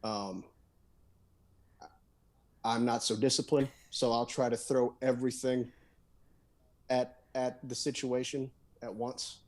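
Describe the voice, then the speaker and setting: A man's voice: medium pitch, little pitch movement, slow pace, long pauses, darkish tone. Rambling, laid-back man talking shop. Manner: rambling, many fillers and restarts, says "dude". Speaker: guest guitarist and songwriter. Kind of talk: casual podcast conversation.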